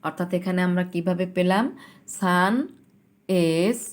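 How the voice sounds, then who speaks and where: A woman with a Bangladeshi accent teaching an English lesson to young pupils, spelling words letter by letter and reading English sentences slowly. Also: on the low side, steady tone. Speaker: primary school English teacher. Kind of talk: recorded classroom lesson.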